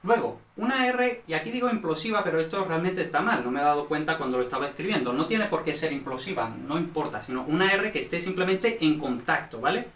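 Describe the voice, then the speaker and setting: A man's voice: on the high side, lively intonation, fast, hardly any pauses, a bit bright, echoey room, distant mic. A man from Spain, explaining Latin grammar in a recorded online lesson, often checking in with short tag questions. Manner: explanatory, frequent checks with "¿vale?" and "¿no?". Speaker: Latin teacher.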